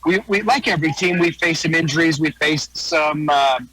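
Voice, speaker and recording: A man's voice: a little high, moderate pace, bright, forceful tone, rough recording. An American man giving a folksy, casual sports preview as a guest wrestling analyst, repeating phrases for emphasis.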